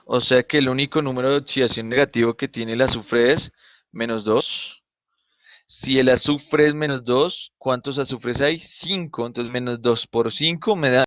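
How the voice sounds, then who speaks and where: A man with a Colombian Spanish accent teaches an online chemistry class over a video call, patiently posing questions to his students and then answering them himself. His mid-range voice is a bit bright, picked up by a computer mic with lo-fi sound and no echo.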